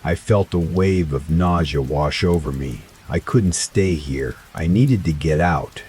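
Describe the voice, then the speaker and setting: A man narrating a first-person horror story in a slow, dramatic scripted style. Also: rumbling low, darkish tone, a little hiss or hum. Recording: faint rain sounds behind voice. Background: rain ambience.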